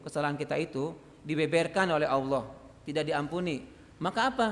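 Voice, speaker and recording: A high-pitched man teaches a study circle in a mosque, explaining step by step and posing questions he then answers himself. He coughs now and then. His voice rings out with a long reverb through the hall. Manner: explanatory, asks rhetorical questions and answers them. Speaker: religious teacher.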